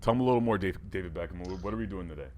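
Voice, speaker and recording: A man's voice: low-pitched, very fast, a crowd in the background, natural voice. A man playing a red alien co-host of a comedy talk show, rambling and playful.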